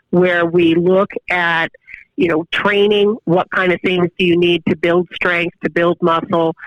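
A woman professor answering interview questions over the phone, explaining at length with pauses and fillers. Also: fairly low pitch, dry recording. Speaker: guest professor of exercise science. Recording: dull, muffled phone line.

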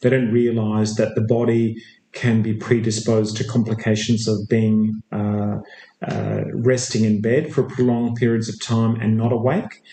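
Low-voiced man in an echoey room. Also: flat delivery, dark tone. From Australia. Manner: measured, explanatory, with frequent fillers. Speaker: intensive care physiotherapist and researcher. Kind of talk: interview guest.

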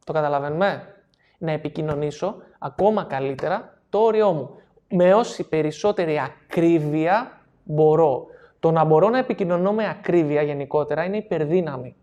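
A man's voice: on the high side, mellow, highs cut off. A man coaching an audience in a seminar talk, explaining step by step, repeating key phrases and checking that listeners follow. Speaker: NLP coach.

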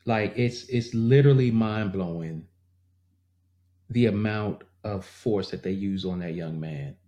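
A man's voice: lowish voice, mellow, echoey room. A man talking straight to his viewers in a casual, earnest way, growing indignant and repeating himself as he reacts. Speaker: vlogger. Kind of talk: casual commentary to camera.

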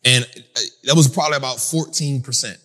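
A man hosting a finance talk for a live audience, in a casual, animated storytelling style that acts out other people. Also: medium pitch, fairly quick, in a large hall. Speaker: finance speaker and host. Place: event venue with an audience.

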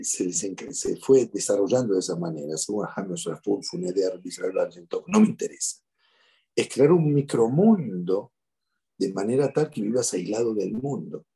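Gravelly Argentine rabbi, husky and animated. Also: male voice, medium pitch. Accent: Rioplatense Spanish. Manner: emphatic, preachy, with repetitions and Hebrew phrases. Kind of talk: weekly Torah portion talk. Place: outdoors at sunrise.

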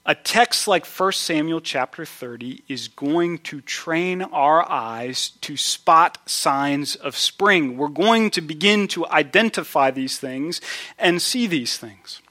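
A man in his thirties preaching a sermon as pastor, earnest, with lively storytelling. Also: fairly high pitch, slow.

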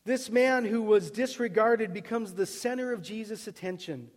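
A man preaching a sermon as a pastor, emphatic and repetitive, swinging between loud cries and soft, hushed lines. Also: high-pitched, normal speed. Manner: emphatic, repeats words, builds to loud cries then drops soft. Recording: long reverb of a hall.

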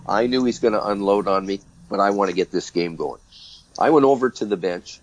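Older ex-ref guest, animated storyteller, husky low voice, dry close sound. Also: male voice, fairly quick, no room sound, poor audio. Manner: animated storyteller, acting out quoted exchanges. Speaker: retired hockey referee, guest. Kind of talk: storytelling interview.

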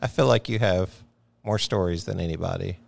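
A man's voice: low voice, a little fast, vocal fry, no room sound. A man co-hosting a casual podcast from a hotel room, joking and laughing often. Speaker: podcast co-host.

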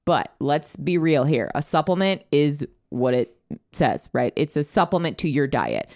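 A young woman with a low-pitched voice co-hosts a fitness podcast. She talks casually and easily, with plenty of fillers. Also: very animated, a little slow, darkish tone. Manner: chatty, lots of fillers like "like" and "um". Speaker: podcast co-host, fitness coach. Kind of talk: casual chat.

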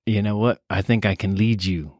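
A man's voice: fairly low pitch, fairly even intonation, normal speed, a little mellow, dry recording, studio quality. A man playing a tabletop role-playing game, joking and slipping in and out of character. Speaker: player.

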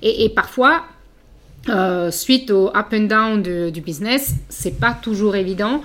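A woman with a medium-pitched voice acts as interviewer. She talks in a chatty, friendly way and fills her pauses often. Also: a bit bright. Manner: friendly, chatty, with many fillers. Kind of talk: casual interview.

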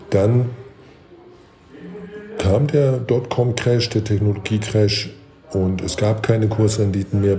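A man, a guest expert, explaining investing in a measured way, with many fillers and restarts. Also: sits low, dark tone. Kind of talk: explanatory podcast talk.

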